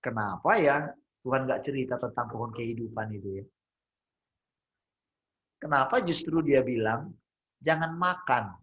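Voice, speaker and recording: A man leads a Bible study over a video call, teaching in a loose conversational way, pausing to hunt for words and throwing questions back at his listeners. His voice sits at a middling pitch, and the call audio is dull and lo-fi. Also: a bit bright. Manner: conversational, asks the group questions, gropes for words.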